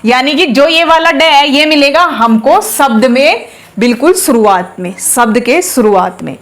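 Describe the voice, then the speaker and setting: Woman, high voice, patient spelling teacher, repeats words to drill, classroom lesson. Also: animated, a little slow.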